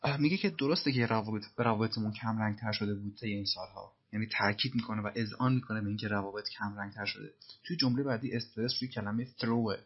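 A man teaching English, repeating film lines slowly and then explaining them in Persian. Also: fairly low pitch, breathy edge, muffled recording.

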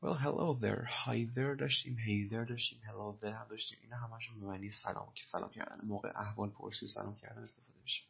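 A man's voice: fairly low pitch, little pitch movement, gravelly, few pauses, breathy edge. A man teaching English by explaining film lines, patiently repeating phrases and spelling words out letter by letter. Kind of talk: explaining film dialogue in a language lesson. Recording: dull lo-fi recording.

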